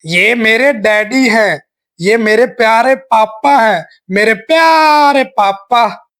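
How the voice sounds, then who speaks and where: A man's voice: extremely high pitch, takes it slowly, a bit bright, clean tone, full character voice. A man voicing a mischievous young boy in a cartoon, whiny and mocking. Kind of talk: cartoon voice acting.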